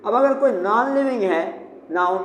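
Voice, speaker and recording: The audio is dull, carrying a man's high voice at normal speed as he teaches English grammar at a whiteboard. He patiently explains every step and repeats the main points, in an echoey room with faint background noise.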